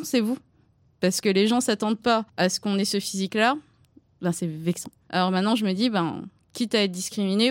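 A woman with a medium pitch speaks calmly and reflectively in a personal testimony. The sound is dry and close, with no room echo. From Vietnam.

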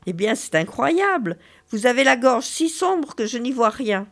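A prim, earnest male doctor who is polite and formal with his patient, as a woman reads him out. His pitch sits a little high and his delivery is unhurried. A gravelly rasp runs through his words in this read-aloud tale. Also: big pitch swings. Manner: polite, formal bedside manner.

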